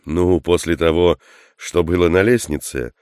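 A man's voice: deep voice, measured pace, a little mellow, clear, resonant tone, no room sound, studio quality. A man voicing a cocky, mocking male soldier in an audiobook. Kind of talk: audiobook character voice.

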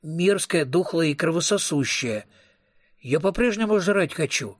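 A husky-voiced man voicing a hungry, whiny young male vampire in an audiobook reading. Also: on the high side, animated, unhurried, no room sound, studio quality. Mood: grumbling. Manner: whiny, grumbling.

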